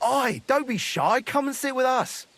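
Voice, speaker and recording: A boozy, crude troubadour who loves ale and a dirty ditty. His voice rides high and bounces wildly, loud and mocking. Game cutscene acting. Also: expressive, measured pace, dry recording, exaggerated voice. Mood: rowdy. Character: bawdy, boozy male troubadour, crude and cheerful.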